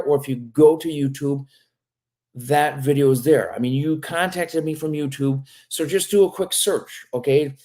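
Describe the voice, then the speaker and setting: On a live stream, an immigration lawyer reads out viewers' questions and responds in a frank, casual manner, frequently adding "okay?" at the end. He has a fairly high pitch and a darkish tone.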